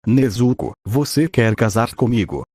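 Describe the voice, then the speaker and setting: Male reader as an earnest young suitor in a storybook, gentle, mid-pitched. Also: a little slow, slightly rough. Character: young man, devoted boyfriend.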